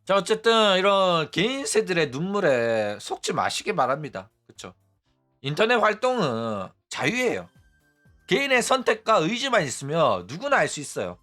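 Male host, mocking blunt commentary, lively high delivery, quiet music bed. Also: moderate pace. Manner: blunt and mocking, keeps tagging "right?". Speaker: VTuber news channel host. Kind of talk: ranting commentary.

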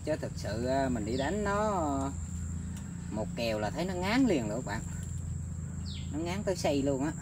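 A man talking casually to his viewers outdoors, rambling with many filler pauses. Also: medium pitch, big pitch swings, background noise. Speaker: bird-trapping vlogger. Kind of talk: casual outdoor vlog narration. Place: outdoors in countryside.

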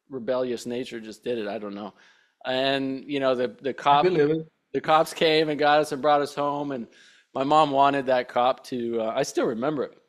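A man in his forties, a guest on an interview podcast, telling rambling, laughing anecdotes about his childhood into a studio condenser mic at home. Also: mid-range voice. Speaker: guest, spiritual mentor. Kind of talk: casual storytelling in an interview. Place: home room with a poster on the wall. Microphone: large studio condenser mic with pop filter.

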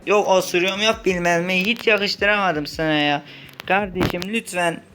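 A man's voice: high-pitched, fairly even intonation, moderate pace, over music. A male gaming host in a playful role-play, playing a whiny, complaining patient with mock drama.

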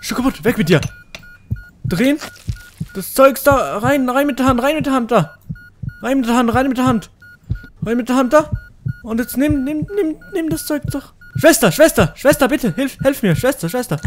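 A young man giving excited let's-play commentary, frantic, often yelling and pleading at the game. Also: very high-pitched, normal speed, soft background music. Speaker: gaming YouTuber.

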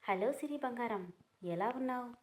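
A woman's voice: fairly high pitch, expressive, moderate pace, pitched above the performer's own voice, natural voice. A woman voicing a cruel man who taunts a mother over her captive child. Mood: taunting. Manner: mocking, sneering. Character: cruel taunting male kidnapper.

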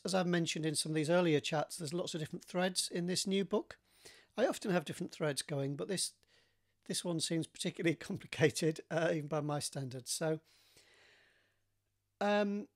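A man, an author chatting casually about his writing with many pauses and restarts. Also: on the high side, gravelly. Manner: rambling, many fillers and restarts. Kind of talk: casual chat to camera.

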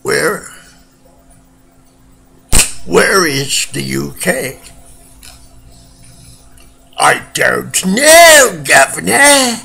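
A man playing a goofy, slow-witted British joke-teller with a put-on British accent, rambling and giggling at his own joke in a comedic monologue. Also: high voice, sing-song, bright, forceful tone, exaggerated voice. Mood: joking. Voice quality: very gravelly.

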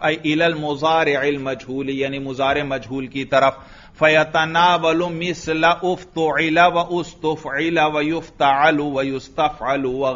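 A Pakistani man with a Pakistani Urdu accent teaches a grammar lesson in a classroom. His voice sits a little high, and he recites Arabic terms, then slowly explains them and checks with his students. The recording is dull and lo-fi. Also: fairly bright tone, a little hiss or hum. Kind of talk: classroom lecture. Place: religious school classroom.

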